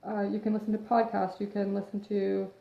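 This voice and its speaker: A fitness coach chats over a live video, her medium-pitched, level voice moving fairly quickly with a warm, gravelly texture. She drifts into tangents while giving advice and sounds a little sniffly from allergies. The phone or webcam stream captures an echoey room with a dull, lo-fi quality.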